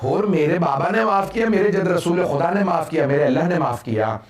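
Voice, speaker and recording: A man preacher voicing a calm, forgiving male religious leader who speaks softly and reassuringly, in an echoey hall. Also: a little high, a crowd in the background, close to an everyday voice. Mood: gentle. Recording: echoey hall, distant mic.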